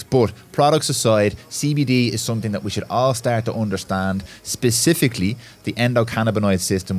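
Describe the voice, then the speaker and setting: A man with a slightly low voice hosts a podcast. He speaks conversationally, with a polite, informal manner. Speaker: podcast host.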